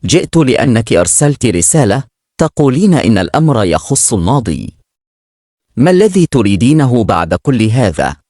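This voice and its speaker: A man's voice: mid-range voice, sing-song, moderate pace, warm tone, no room sound, clean studio sound. A man voicing a grave, devout man who speaks earnestly and consolingly in a narrated story. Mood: stern.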